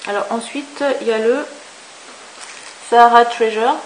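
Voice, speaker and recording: A woman's voice: a little high, fairly even intonation, measured pace. A woman chatting enthusiastically through a makeup review, with many fillers and asides. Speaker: beauty vlogger. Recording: echoey room with faint hiss.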